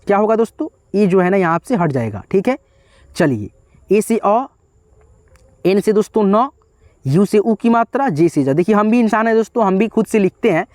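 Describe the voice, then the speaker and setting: A man's voice: high-pitched, darkish tone, no echo, clean studio sound. A man teaching an online lesson, patiently spelling out words piece by piece and often calling his viewers friends. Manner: repetitive, patient step-by-step spelling out. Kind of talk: whiteboard lesson.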